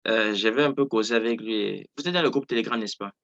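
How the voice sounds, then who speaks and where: A man's voice: lowish voice, fast talker, creaky, a bit bright. Hesitant man on a muffled video call. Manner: hesitant, many fillers and restarts. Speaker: trading coach hosting a Zoom session. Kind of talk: casual explanation on a video call.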